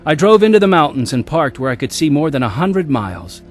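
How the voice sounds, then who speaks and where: Over soft background music, a man with a slightly high voice and big pitch swings speaks briskly. He is an actor in a radio drama playing a restless, searching adventurer who earnestly and reflectively narrates his own life story in the first person.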